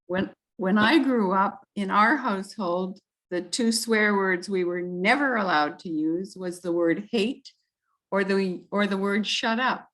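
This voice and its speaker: A woman taking part in a church study group, making plain, unhurried remarks. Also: medium pitch, a bit bright, poor audio. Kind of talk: casual group discussion.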